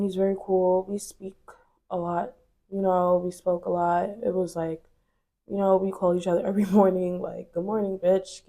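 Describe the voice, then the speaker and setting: A woman vlogger in her twenties, congested from a cold, tells her viewers a personal story on camera. Her voice is lowish and dark with vocal fry, and she talks casually and candidly, with lots of fillers.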